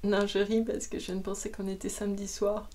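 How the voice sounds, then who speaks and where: A woman who reads books aloud, chatting casually at the end of a reading, soft and rambling, sometimes slipping into whispers, at home. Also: mid-range voice, level tone, brisk. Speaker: audiobook reader. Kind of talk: casual closing chat.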